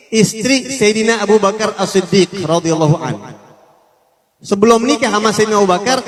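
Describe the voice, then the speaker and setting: A man's voice: high-pitched, fairly bright tone. A man preaching a sermon, telling a story in colloquial speech and acting out the quoted dialogue. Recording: long hall reverb.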